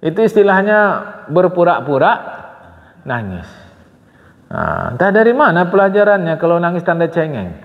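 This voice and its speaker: An older man lectures a congregation on religion, and his voice sits fairly high. He speaks earnestly, stops often to address his listeners and asks them rhetorical questions. The long hall echo and the dull, lo-fi recording make him sound distant. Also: sing-song, normal speed, long pauses. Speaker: religious teacher. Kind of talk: Islamic study lecture.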